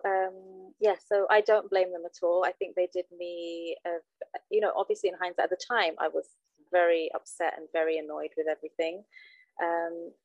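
Nervous woman, lowish voice, dull audio. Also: a little mellow, dry recording. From London, England. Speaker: podcast guest, trainee counsellor. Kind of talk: casual personal storytelling in interview. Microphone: handheld mic on remote call.

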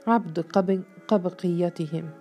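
A man's voice: high voice, steady tone, a little slow, warm tone, husky, faint music behind, heavily acted. A woman voicing a young man who angrily accuses a sheikh, speaking in a bitter, accusing way. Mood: bitter anger.

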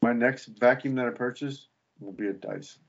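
A man co-hosting a casual podcast, cursing freely and joking with a blunt edge. His voice sits at an ordinary middle pitch. The sound is a bit dull and lo-fi. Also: moderate pace, vocal fry. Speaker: podcast co-host. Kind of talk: casual chat.

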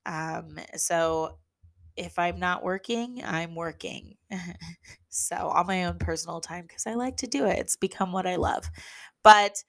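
A woman's voice: lowish voice, a little slow. A young woman hosting a podcast, chatting casually and with self-deprecating humor about running a business, with frequent fillers and restarts. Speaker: podcast host, venue owner. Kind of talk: casual solo podcast talk.

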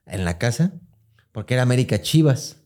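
A man with a Mexican accent co-hosting a podcast, telling slangy, animated stories in casual banter. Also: mid-range voice, brisk. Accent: Mexican Spanish. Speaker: podcast co-host.

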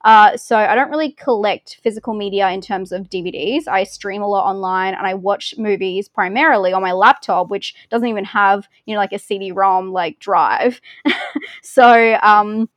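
A woman's voice: mid-range voice, moderate pace, no echo. A woman in her thirties with an Australian accent, chatting in an interview in a rambling, self-deprecating way and laughing often. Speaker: film reviewer guest. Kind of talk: casual interview chat.

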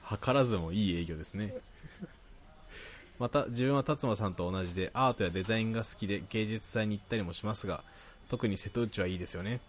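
A man with a Nagoya accent, a podcast co-host reading listener mail aloud in a calm, even voice and chatting casually. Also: fairly low pitch, fast. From Nagoya, Japan.

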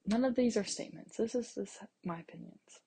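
A young woman with a husky, slightly breathy voice hosts a casual solo podcast. She rambles loosely, stops to correct herself and makes joking asides to her listeners. Her pitch sits in an ordinary middle range. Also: a little fast, mellow. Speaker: podcast host.

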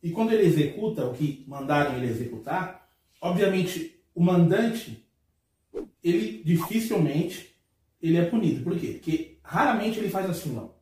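A man's voice: high-pitched, lively intonation, moderate pace, dark tone, slight background noise. Emphatic man in an echoey room. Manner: emphatic, repeats words when building a point. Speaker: podcast panelist. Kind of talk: heated roundtable debate. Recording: echoey room, mic at a distance.

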